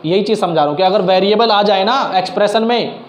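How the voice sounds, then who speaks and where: A man's voice: high-pitched, fast talker. A man teaching math in a casual classroom style, explaining step by step and mixing English math terms into his talk. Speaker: math tutor. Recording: echoey room, faint background noise.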